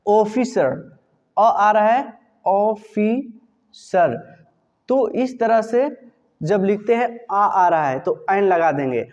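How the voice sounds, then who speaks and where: High-voiced Hindi-accented man teaching grammar. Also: darkish tone, long reverb tail, highs cut off. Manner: asks the class questions and answers them himself; drills sounds slowly and repeats them. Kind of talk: classroom grammar lesson.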